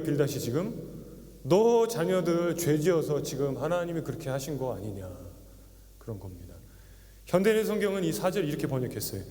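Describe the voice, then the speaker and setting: A male pastor delivers a sermon with a lively, swinging pitch and a mellow, darker tone. He often drops into heated acted-out quotes before going back to explaining. His voice rings through a church hall with long reverb. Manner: animated, acts out quotes with heated emotion. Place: church sanctuary.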